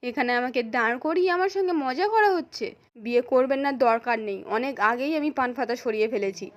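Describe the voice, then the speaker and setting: An indignant young bride refuses to be humiliated, read out by a woman narrator. The narrator keeps her own high voice while recapping the scene. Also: a little fast, natural voice.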